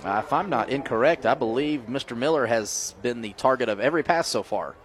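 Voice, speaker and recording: A man's voice: mid-range voice, brisk, slight background noise. A man giving color commentary on a football broadcast, breaking down plays in a casual, filler-laden way. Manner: conversational, explains blocking schemes, many fillers.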